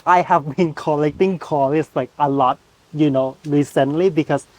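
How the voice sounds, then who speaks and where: A man's voice: on the high side, moderate pace, dry recording. A man from Thailand, chatting casually while showing a gardening how-to outdoors in a home garden. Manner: chatty, relaxed, speaks to viewer directly. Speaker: gardening channel host.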